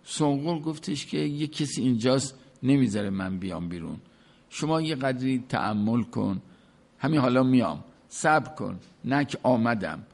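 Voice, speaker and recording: A man giving an explanatory lecture on a poem, reciting verses slowly and then explaining each word in casual speech. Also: medium pitch, darkish tone. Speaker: teacher of classical poetry.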